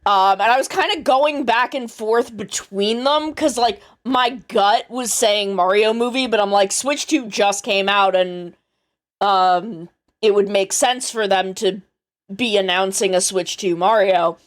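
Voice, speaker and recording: A woman's voice: mid-range voice, a little slow. A woman streamer chatting casually on a live stream, rambling and thinking aloud, swearing now and then.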